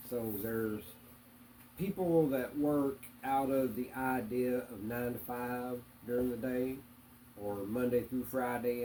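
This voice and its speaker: A man answering interview questions in a hesitant, plainspoken way, with many pauses and fillers. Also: mid-range voice, warm tone, a little hiss or hum, poor audio. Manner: hesitant, many ums and uhs; plainspoken, religious. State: hiccups.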